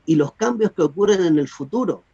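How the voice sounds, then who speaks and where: A man teaching Greek grammar in an online class, explaining rules in an animated way and checking that students follow. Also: sits high, a little fast, breathy edge. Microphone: video call. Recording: dull lo-fi video call audio.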